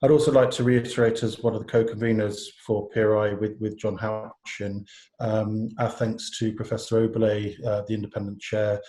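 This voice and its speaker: A man giving formal, measured remarks with fillers as a panel speaker, heard on a video call whose audio keeps breaking up. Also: on the low side, mellow. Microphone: computer mic on a video call. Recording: echoey room over a video call.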